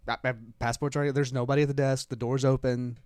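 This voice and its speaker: Man, podcast co-host, chatty rambling storyteller, smooth clear voice, dry close mic. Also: mid-range voice, fairly quick, no room sound. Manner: rambling storyteller, animated retelling with repeats. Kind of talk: casual chat.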